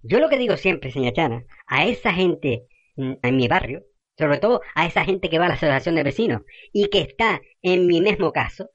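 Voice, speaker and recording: A fiery, foul-mouthed gossip in a comedy sketch. Her voice sits a little low, but her pitch swings widely as she rants in rural slang. The sound is slightly dull and lo-fi. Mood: ranting.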